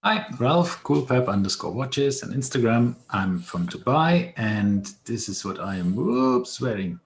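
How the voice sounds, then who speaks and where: A man's voice: medium pitch, lively intonation, unhurried, slight background noise. A man introducing himself on a live video call, casual and a bit fumbling.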